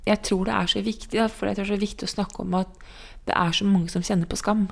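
A woman's voice: mid-range voice, steady tone, vocal fry. A woman co-hosting a podcast, speaking in an earnest, reflective way in casual conversation. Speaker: podcast co-host.

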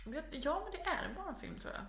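A woman in casual talk with a fairly high voice. She tells stories with energy and acts out the voices of other people. The sound is roomy and echoey. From Småland, Sweden. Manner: lively storyteller, acts out quotes loudly. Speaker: guest. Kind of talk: casual podcast chat.

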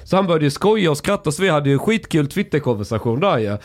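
A man's voice: on the high side, sing-song. Ironic man telling a story. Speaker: podcast host. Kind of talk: casual podcast chat.

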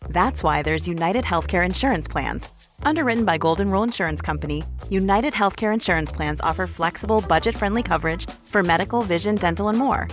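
Female commercial announcer, lowish voice, scripted read, light music bed. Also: fast. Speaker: advertisement announcer. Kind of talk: scripted advertising narration.

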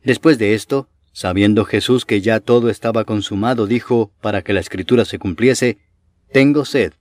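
Man, low voice, solemn measured scripture reading, dry close sound. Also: steady tone, darkish tone, dry recording. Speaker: Bible reader.

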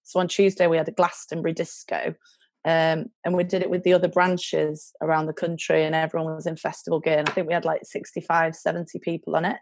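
A young British woman talks casually as a guest on a podcast. Her voice is a little low for a woman. The recording is dry and close. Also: little pitch movement, quick pace, no room sound. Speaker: charity worker, podcast guest. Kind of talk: casual chat.

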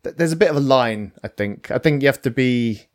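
A man's voice: mid-range voice, a little fast, dry recording, clean studio sound. A man who works as a voice actor, chatting casually on a podcast in a self-deprecating way, often stammering and restarting.

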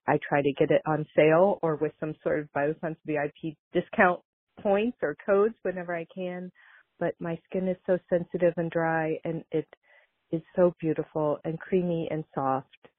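A woman's voice: fairly low pitch, no echo. A woman from Ohio calls in and leaves a casual, chatty voicemail, heard over a landline phone. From Ohio, United States. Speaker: caller leaving a voicemail. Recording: tinny dry phone line.

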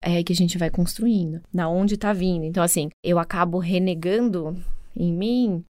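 A woman's voice: on the low side, normal speed, warm tone, no echo, studio quality. A woman, a psychologist explaining child development in a casual podcast chat, often ending points with a questioning tag. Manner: explanatory, frequent "né?" tags. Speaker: psychologist guest.

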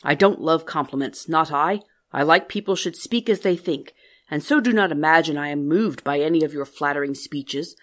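A fearsome male beast, as a woman reads him, proud and blunt, with a stern and commanding delivery. His voice sits low for a woman's reading, hard and loud. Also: normal speed, natural voice.

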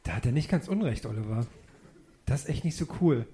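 A man's voice: mid-range voice, expressive, brisk, noisy background, lightly acted. A man playing a dopey, easygoing young wrestling fan in a comedy radio play. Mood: laid-back.

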